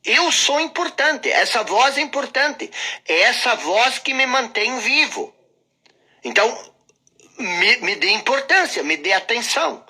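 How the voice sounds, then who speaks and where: A man's voice: very high voice, big pitch swings, unhurried, pushed and bright, slightly rough, voice pushed up, full character voice. A man voicing the self-important inner voice in one's head as it demands attention, in a raised and insistent tone during a lesson.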